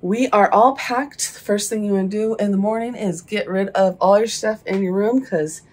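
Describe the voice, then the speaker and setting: A woman's voice: mid-range voice, normal speed, a little mellow. A woman in her thirties chatting through a travel vlog, explaining and teasing, filmed at arm's length in a small cruise cabin. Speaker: vlogger. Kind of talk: casual travel vlog narration. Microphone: camera held at arm's length.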